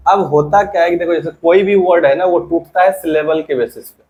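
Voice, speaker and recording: A man's voice: on the high side, brisk, darkish tone, muffled recording. A male teacher giving a classroom grammar lesson, asking questions and having his students answer together. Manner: quizzing students, prompting them to answer together.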